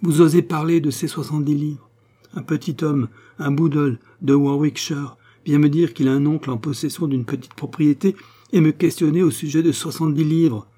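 A man's voice: normal speed, mellow, husky, natural voice. A man reading a novel aloud, voicing a scheming, sneering woman in a raised, mocking tone. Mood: scornful. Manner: sneering, mocking, shrill outbursts.

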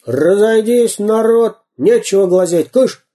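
Brief: man reading as a bellowing pirate captain, raised husky voice. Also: sits high, takes it slowly, voice pushed up. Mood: boisterous. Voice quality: bellowing, shouty. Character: boisterous bearded male pirate captain, boastful and loud.

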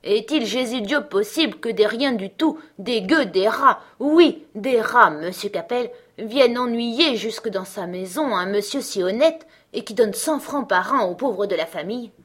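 A woman's voice: mid-range voice, normal speed, husky, natural voice. A woman reading the part of a sly, fussy male servant in an audiobook, with mock-indignant, sputtering scorn. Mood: scornful.

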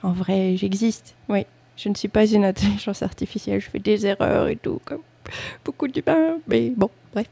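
A woman presents tracks on her music radio show, talking loosely at the studio mic. Her voice is low and warm with a gravelly edge. She keeps stopping and restarting and makes self-mocking asides. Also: little pitch movement, moderate pace. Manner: hesitant, many fillers and restarts, self-mocking. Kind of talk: casual radio chat between tracks. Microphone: studio microphone.

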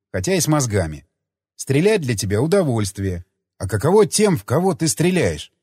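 A weary, conflicted soldier in an audiobook, gruff and brooding, with a husky voice full of rises and falls, as read by a male narrator. The sound is dry and close. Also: fairly high pitch, a little mellow, no echo.

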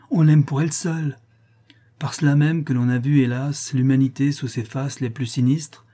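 A man's voice: mid-range voice, warm tone, slightly rough, close to an everyday voice. A man voicing a grieving, melancholy prince in an audiobook reading, speaking solemnly and sorrowfully. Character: grieving middle-aged prince, noble and melancholy.

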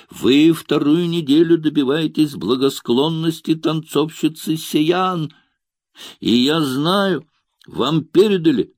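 A wounded young woman pours out reproach and jealousy toward her lover, voiced by a male audiobook reader. Her words come slowly and swing up and down in pitch. The sound is close and dry. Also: dry recording. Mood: accusing. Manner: reproachful, emotional pleading. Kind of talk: audiobook dialogue reading.

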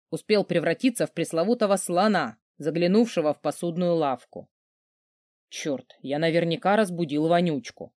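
A man narrating a novel in first person, sardonic and gruff. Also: high-pitched, no echo, studio quality. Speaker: audiobook narrator.

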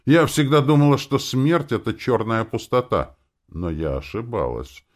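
A man narrating a dark first-person story in an expressive dramatic reading. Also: moderate pace. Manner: expressive, with lively pitch swings.

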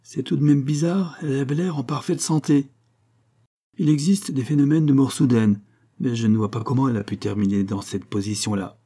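A man's voice: mid-range voice, fairly quick, dark tone, voice pushed up, natural voice. A man voicing a crude, sardonic coroner with glib, sneering remarks. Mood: puzzled.

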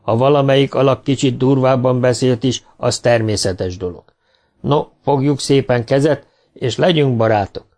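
A man voicing a burly, swaggering spaceship sailor in an audiobook, gruff and mocking. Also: medium pitch, a little mellow, natural voice. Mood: smug.

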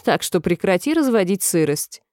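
A woman's voice: medium pitch, very animated, moderate pace, a little mellow, dry recording, studio quality, close to an everyday voice. A woman voicing a smug, quarrelsome little twin boy in a storybook reading, speaking in a teasing, matter-of-fact way.

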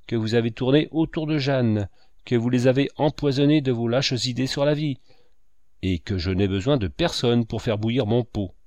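A man's voice: on the low side, dry recording, close to an everyday voice. Man voicing a furious sneering painter. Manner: loud, mocking, shouting. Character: furious proud male painter, brutal and sneering.

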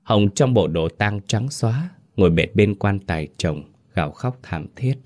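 A man narrating a scripted ghost story slowly and dramatically. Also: on the low side, animated. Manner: slow, dramatic. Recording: narration over soft music.

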